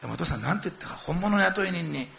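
Middle-aged man, sermon, gravelly and fast, animated storyteller who speaks directly to the congregation. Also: fairly high pitch, a little hiss or hum. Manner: animated storytelling, acting out quoted lines and addressing listeners directly. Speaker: pastor.

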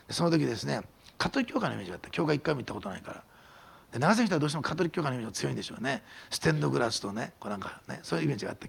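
A man, preaching a sermon as pastor, telling a testimony with animated storytelling and sudden drops to whispers. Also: on the high side, creaky, breathy edge.

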